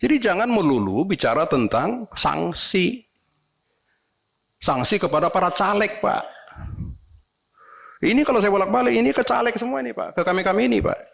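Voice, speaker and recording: A man speaking up in a parliamentary hearing room, his voice gravelly and a bit husky, pitched slightly high. He swings up and down a lot as he complains to officials, tagging "sir" onto his phrases. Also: moderate pace, pauses often. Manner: animated, complaining, ends phrases with "Pak". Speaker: legislator questioning election officials.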